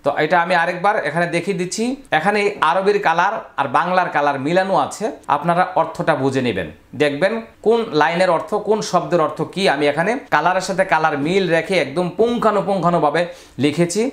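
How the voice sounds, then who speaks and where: A man teaching Quran reading, spelling out syllables slowly and then chanting the words in long, drawn-out recitation. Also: high voice, a bit bright. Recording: roomy echo.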